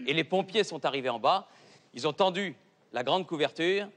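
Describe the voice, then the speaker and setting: A man tells a joke on a radio panel show in a high, bright, sharp voice. He drives the story with emphatic repetition. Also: animated, moderate pace.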